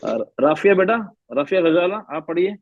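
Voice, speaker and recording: Male recitation teacher, patient, demonstrates sounds slowly, slightly high voice, dull dry line. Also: lively intonation, dry recording. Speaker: Quran tajweed teacher. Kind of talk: online class instruction.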